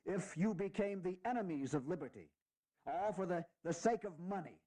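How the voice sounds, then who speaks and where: A man playing a dignified, fatherly aging general, giving stirring, deliberate and sometimes halting oratory in a historical audio drama. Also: high voice, animated, dark tone. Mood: grave, stern. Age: older.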